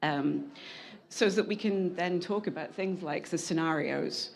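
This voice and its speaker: A woman who is a climate scientist and engineer speaks earnestly on a conference panel, frequently restarting and correcting her sentences. Her voice is fairly low and creaky, and she talks a little slowly.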